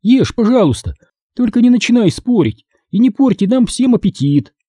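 Storybook mom, impatient scold, man reading, husky, animated. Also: very high-pitched, normal speed, no room sound, clean studio sound, voice pushed up, heavily acted.

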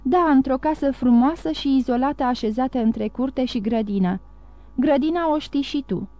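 A woman's voice: high-pitched, warm tone, dry recording, faint music behind, close to an everyday voice. A woman reading the part of a young man, a cunning, boastful schemer, in an audiobook.

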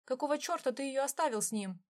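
A woman's voice: medium pitch, fast talker, darkish tone, close to an everyday voice. A woman voicing an enraged brother who snarls and hisses his words. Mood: furious. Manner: snarling, hissing. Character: furious older brother, violent, hissing.

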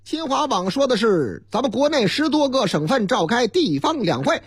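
A man's voice: extremely high pitch, sing-song, normal speed, breathy edge, no echo, clean studio sound. A man with a Beijing accent hosting a radio news show, reading the papers aloud in a chatty way with joking asides and rhetorical questions. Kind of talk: chatty newspaper-review commentary.

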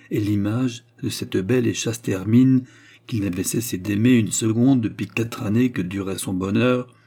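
A man narrating a classic novel as an audiobook, in a calm, measured, literary manner. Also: medium pitch, breathy edge.

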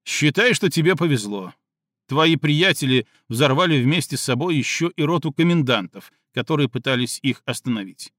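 A man voicing a sleepy, irritable man in an audiobook reading, slightly hoarse and sarcastic, sometimes barking. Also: fairly high pitch, expressive, normal speed, fairly bright tone, no room sound, studio quality.

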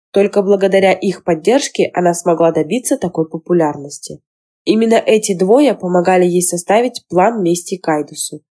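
A woman reading a fantasy novel aloud as scripted narration, in an even, measured delivery. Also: fairly low pitch. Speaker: audiobook narrator.

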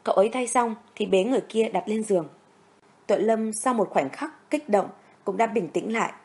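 A woman narrating a dramatic story in a steady, scripted storytelling voice. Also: mid-range voice, normal speed.

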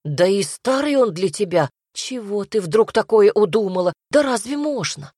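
A woman voicing a worried mother who frets and laments softly. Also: mid-range voice, lively intonation, moderate pace, slightly rough, dry recording, studio quality. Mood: fretful. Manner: fretful, lamenting, hushed.

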